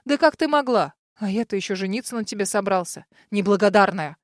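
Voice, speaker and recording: A woman's voice: mid-range voice, expressive, brisk, dry recording, close to an everyday voice. A mocking, melodramatic male dragon ghost with a dry, close sound, as a woman reading the story puts him on. He whines and jeers in theatrical bursts.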